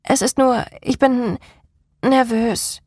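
A woman's voice: fairly high pitch, steady tone, normal speed, breathy edge, dry recording, studio quality. A woman voicing an anxious, insecure young woman who stammers nervously.

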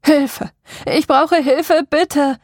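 A woman voicing a man who shouts for help, his voice strained and eerily distorted. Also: sits high, drawn-out words, no room sound, studio quality, pitched above the performer's own voice. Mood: desperate shouting. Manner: loud desperate cries from afar.

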